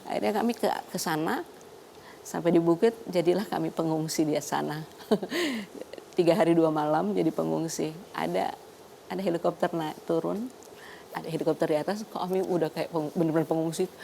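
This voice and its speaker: An older woman doctor, a guest on a talk show, telling her story in a lively way and laughing often. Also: fairly low pitch, moderate pace, creaky, a little hiss or hum.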